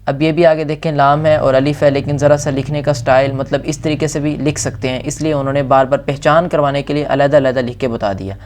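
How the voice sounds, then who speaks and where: A man with a Pakistani Urdu accent teaching Quran reading, slowly stretching out letter names and then explaining patiently. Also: a little high, little pitch movement, darkish tone. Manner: patient, instructive, insists on slow careful pronunciation. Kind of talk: slow, drawn-out letter recitation alternating with fast spoken explanation.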